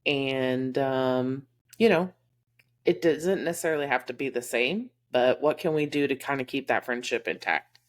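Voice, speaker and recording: Texan lady podcasting, real low voice, heartfelt and rambly, lots of ums. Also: moderate pace. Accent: Texas. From Texas. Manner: candid, heartfelt, lots of fillers. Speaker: podcast co-host. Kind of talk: casual chat.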